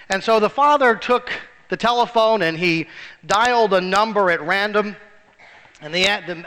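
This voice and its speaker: A high, bright-voiced male pastor preaches in a church, telling stories and acting out the voices of the people in them. He jumps sharply in pitch to stress a point, and his voice rings with a long church reverb. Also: clear, resonant tone. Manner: storytelling with acted-out voices in jokes; rises sharply for emphasis. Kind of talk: sermon.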